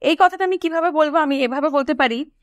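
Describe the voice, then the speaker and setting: A woman teaching an English lesson. She explains each point and asks her students questions, then slows down to say each English example sentence clearly. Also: high voice, no echo. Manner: asks the class questions, then answers them. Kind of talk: classroom explanation.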